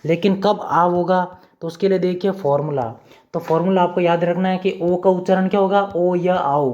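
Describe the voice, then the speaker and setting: A man's voice: high voice, dark tone. A man with an Indian accent teaching English pronunciation rules step by step, often asking a question and answering it himself. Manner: repetitive, asks and answers own questions. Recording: dull lo-fi sound.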